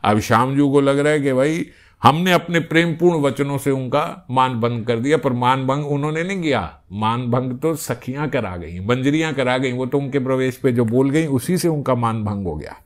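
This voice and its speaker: Man, devotional discourse, storytelling explanation, slow recited verses, mid-pitched voice. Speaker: spiritual discourse speaker.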